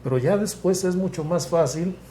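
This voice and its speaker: A man, a psychiatrist guest explaining things in a measured, step-by-step way with frequent restarts. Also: high voice, mellow, slight background noise. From Mexico. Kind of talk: explanatory interview talk.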